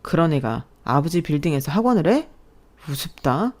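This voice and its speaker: A woman's voice: sits low, big pitch swings, normal speed, a little mellow. Woman voicing a scornful young man, defensive. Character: arrogant young man, cornered ex-fiancé.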